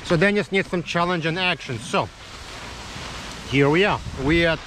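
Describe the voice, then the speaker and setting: A man's voice: on the high side, normal speed. A man filming a casual family ski vlog outdoors on the slopes, easygoing and chatty, cheering the others on. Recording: wind noise on outdoor camera mic.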